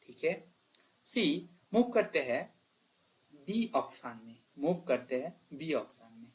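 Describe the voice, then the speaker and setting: A man's voice: fairly high pitch, sing-song, slow. A man teaching a math lesson, talking straight to his students, checking in with them often and correcting himself as he thinks aloud. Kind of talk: exam problem walkthrough lesson.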